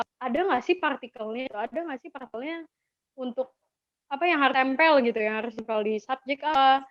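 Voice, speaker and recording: This high-pitched woman with an Indonesian accent leads a casual, encouraging language webinar and says key words more than once for learners. The lo-fi recording sounds dull but has no room sound.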